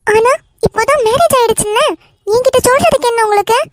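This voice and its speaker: A woman voicing a quick-tempered young wife in an animated cartoon, with a Kanyakumari Tamil accent and a sharp, scolding manner. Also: extremely high pitch, no echo, studio quality. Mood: reproachful.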